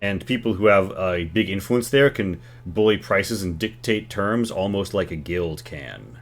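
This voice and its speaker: A man improvising narration as game master of a tabletop game, casual and colloquial, pausing as he describes. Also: low voice, lively intonation.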